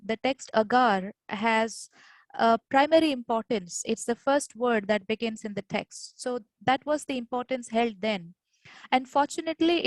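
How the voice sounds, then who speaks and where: A woman's voice: a little high, dry recording, rough recording. A woman from India giving an academic webinar lecture over a video call, explaining patiently with frequent "uh" fillers. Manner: hesitant, many "uh" fillers, explanatory.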